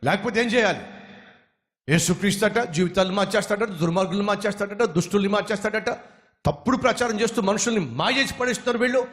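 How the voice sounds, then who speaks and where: A man voicing an angry, loudmouthed man who shouts and scolds while threatening a preacher. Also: sits high, quick pace, long reverb tail, voice pushed up.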